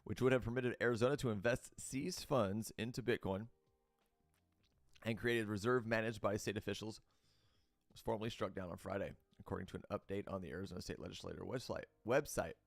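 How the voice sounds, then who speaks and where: A man with a fairly low voice reads crypto news aloud as the host of his own show. Between passages he breaks into blunt, opinionated rants, talking loosely with fillers and restarts. The recording is dry and close, with no room sound. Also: a little fast, gravelly, no room sound, faint music behind.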